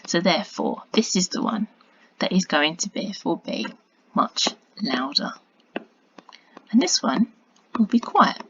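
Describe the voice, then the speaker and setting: A woman's voice: fairly low pitch, very animated, unhurried, pauses often, breathy edge, no echo. Woman teacher, dull lo-fi recording. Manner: patient and explanatory, with quiet muttered asides while drawing. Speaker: science teacher. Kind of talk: recorded video lesson narration.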